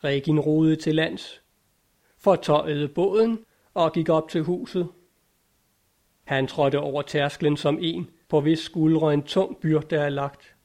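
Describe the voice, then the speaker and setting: A man reading a dark story aloud in a measured, grave manner. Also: a little high, fairly even intonation. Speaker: narrator. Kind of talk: scripted story narration.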